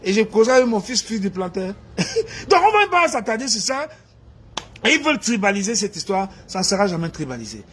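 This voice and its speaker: A man, talking to his supporters in a casual live video, animated and laughing, slipping into Pidgin English. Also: sits high, a little fast, slight background noise. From Cameroon. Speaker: activist addressing supporters.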